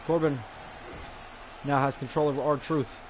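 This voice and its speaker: A man's voice: fairly high pitch, a little slow, a faint crowd, slight background noise. Man calling a wrestling video game casually. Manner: relaxed play-by-play wrestling commentary with fillers. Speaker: gaming video creator. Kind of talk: casual let's-play commentary.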